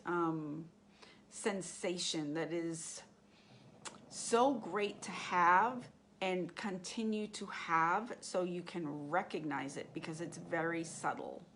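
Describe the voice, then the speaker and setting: A woman's voice: lowish voice, fairly bright tone, slight background noise. A woman teaching a live class on intuition, talking in a conversational way and asking the group questions.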